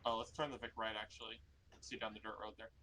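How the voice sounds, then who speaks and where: A man's voice: on the low side, flat delivery, fast talker, bright, forceful tone. A man directing teammates' movement in military game voice chat. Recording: noisy game voice channel.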